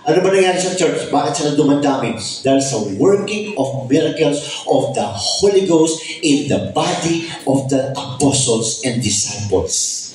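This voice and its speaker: A man's voice: on the high side, expressive, measured pace, hardly any pauses, faint music behind. A man preaching a Bible study sermon, emphatic and calling out praise often, mixing Tagalog and English. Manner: shouts when preaching. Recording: echoey room, mic far off.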